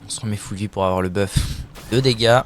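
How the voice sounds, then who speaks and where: A man's voice: on the low side, fast, slight background noise. A young man chatting casually as he streams a video game, joking about himself and slipping into silly voices now and then. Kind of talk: casual live-stream commentary.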